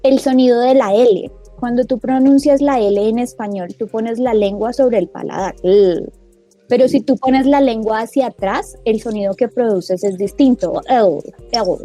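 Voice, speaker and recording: A woman's voice: a little high, normal speed, hardly any pauses, dark tone, soft background music. A woman who co-founded a language school, answering questions in a radio interview and patiently explaining pronunciation like a teacher while she sounds out example words.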